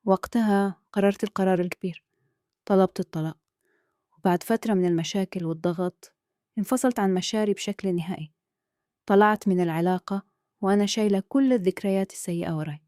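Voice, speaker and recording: A woman with a Kuwaiti accent telling a dramatic first-person story in a soft, earnest way. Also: medium pitch, quick pace, pauses often, clean tone, no echo, studio quality. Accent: Kuwaiti Arabic.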